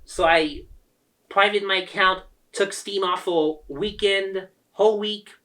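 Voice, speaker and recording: A man's voice: high voice, steady tone, a little slow, pushed and bright, recorded from a distance. A man delivering a heated, swearing rant about a company, often mimicking the people he quotes. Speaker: gaming video creator. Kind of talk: angry ranting monologue.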